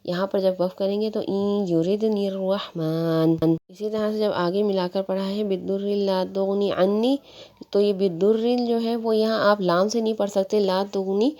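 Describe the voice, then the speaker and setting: A woman's voice: mid-range voice, steady tone, warm tone. Urdu-accented woman teaching Quran recitation. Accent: Pakistani Urdu. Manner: patient, step-by-step explanation, slow melodic recitation of verses. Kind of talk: tajweed lesson with recitation examples.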